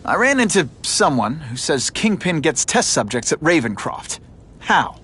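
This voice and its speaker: An actor playing a young, earnest superhero in a video game, quippy and sarcastic but morally firm. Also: male voice, on the high side, sing-song, measured pace, fairly bright tone, a little hiss or hum. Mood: questioning. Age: young adult. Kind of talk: animated video game hero acting.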